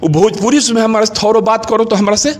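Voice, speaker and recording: A middle-aged man with a Bhojpuri accent speaking passionately in an interview, asking rhetorical questions and rising in pitch on his points. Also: steady tone, brisk. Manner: emphatic, rhetorical questions, rises in pitch when stressing points.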